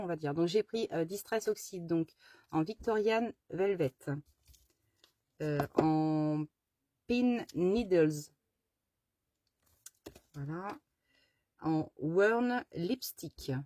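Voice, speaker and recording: A woman's voice: low-pitched, dark tone. Chatty French-speaking woman showing off craft supplies. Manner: chatty, rambling, many fillers and restarts; mispronounces English product names playfully. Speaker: craft vlogger. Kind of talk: casual haul show-and-tell.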